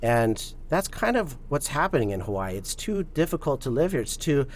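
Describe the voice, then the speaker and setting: A man speaking as a guest on a podcast, explaining his views in a measured, earnest way. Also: medium pitch, very animated, a little hiss or hum. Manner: measured, earnest, with many fillers and restarts. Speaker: guest, policy advocate. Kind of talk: podcast interview talk.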